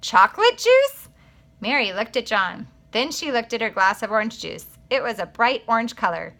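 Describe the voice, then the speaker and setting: A woman, a teacher, reading a children's book aloud in an expressive, animated way. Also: a little high, moderate pace.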